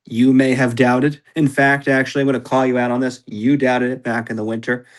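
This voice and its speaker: A man's voice: mid-range voice, flat delivery, fairly quick. Teasing young man on a sports podcast. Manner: teasing, playfully smug, lots of fillers. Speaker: podcast co-host. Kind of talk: casual sports podcast chat.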